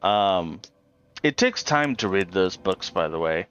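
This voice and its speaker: Crowd noise and a muffled recording surround this deep, expressive voice speaking at a measured pace. The man is a co-host walking a friend through a game in relaxed let's play banter. He's worn out from waking very early, so he explains patiently with many hesitant ums.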